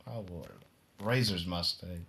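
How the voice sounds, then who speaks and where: A man's voice: sits low, a little slow, sharp tone, a little hiss or hum. A man casually running through the cars of a video game, rambling and often breaking into giggles.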